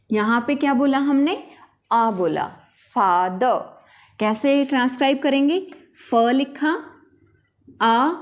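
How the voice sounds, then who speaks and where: Brief: woman teacher, fairly high voice, slow and patient, explains step by step while writing. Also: darkish tone. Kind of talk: phonetics lesson at a board.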